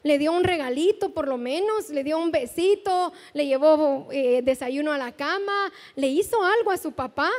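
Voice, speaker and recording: A middle-aged woman pastor with a Guatemalan accent, preaching a sermon and telling a lively story, asking the congregation direct questions. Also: high-pitched, moderate pace, few pauses. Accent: Guatemalan Spanish. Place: large church hall. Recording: long church hall reverb.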